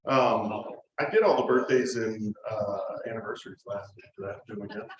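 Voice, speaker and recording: Man host at a service club meeting, playful deadpan patter, roomy hall with faint noise. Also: lowish voice, a little fast, dull audio. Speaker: fellowship presenter at club meeting. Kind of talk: casual joking announcements.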